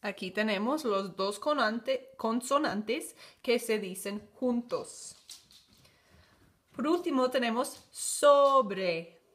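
Woman teaching phonics super slow, sounds out each syllable, kinda high voice. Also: animated, a bit bright.

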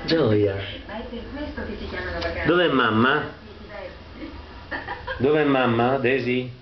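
A man's voice: mid-range voice, extremely slow, crowd noise. A man at home talking affectionately to his dog in cooing baby talk. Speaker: dog owner. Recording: dull lo-fi home recording with music behind.

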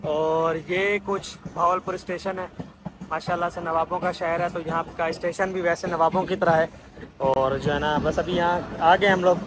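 A man with a Pakistani Urdu accent vlogs a train trip from the station platform and inside a carriage, chatting casually in a high voice over background noise. He is chatty and teasing, narrating as he films.

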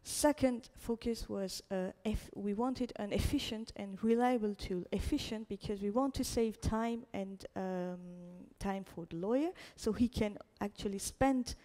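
A woman's voice: mid-range voice, a little slow, few pauses, dark tone. A young woman giving a meetup presentation over a headset mic, talking with many hesitant fillers. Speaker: startup presenter. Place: stage in front of a projected slide.

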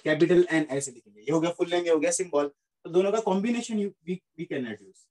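A man's voice: a little high, moderate pace, darkish tone, rough recording. A man teaching a physics lesson in Hindi mixed with English, repeating points and checking that students follow. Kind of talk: classroom lecture mixing Hindi and English.

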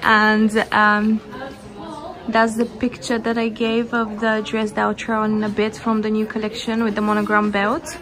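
A young adult fashion vlogger gushes enthusiastically to camera while shopping in a large department store and boutiques. Her mid-range, fairly bright voice is delivered completely flat at a moderate pace. The busy store and music are audible behind her.

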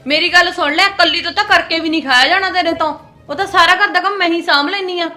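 A woman's voice: very high-pitched, fast, pushed and bright. A woman playing a stern elder sister-in-law in a family short film, lecturing and scolding the younger wife.

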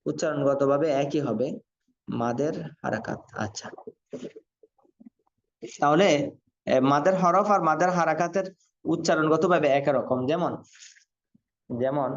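A man teaching Quran reading in an online class, sounding out syllables slowly and repeating them for learners. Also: fairly high pitch. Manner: slow syllable-by-syllable drilling, repetitive. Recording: dull lo-fi sound.

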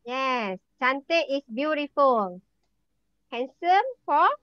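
A woman's voice: high-pitched, lively intonation, takes it slowly, a bit bright, dry recording, lo-fi sound. A woman teacher, patiently calling on students by name during an online language class.

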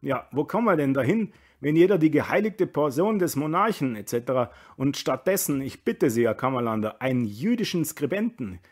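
A man's voice: on the high side, big pitch swings, fairly quick, few pauses, breathy edge, pitched above the performer's own voice. A man doing a pompous old gossip. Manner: pompous, preachy, raised voice. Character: pompous, gossiping older male townsman.

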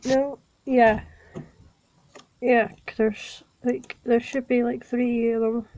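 A woman with a sniffly cold, calmly narrating each step of building a small toy set in a casual vlog. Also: a little high, slow, a little hiss or hum, low-quality recording. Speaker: toy vlogger. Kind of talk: casual unboxing and building walkthrough.

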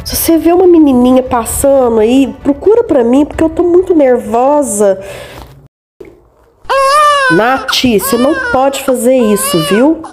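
A woman's voice: high-pitched, a little slow, heavy background noise. A woman voicing a desperate mother of a constantly crying little girl, pleading and frantic, in a game role-play voice-over. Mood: scolding. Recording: background music under the voice.

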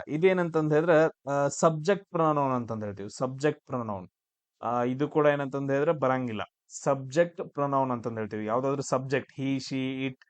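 A man's voice: mid-range voice, dry recording. A man teaching exam grammar, asking and answering his own questions. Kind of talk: classroom-style grammar lesson.

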